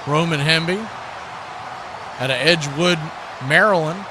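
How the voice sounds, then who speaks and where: A little high and a little slow, a male commentator delivers American football play-by-play in clipped phrases over a noisy live stream. His voice rises on the big plays.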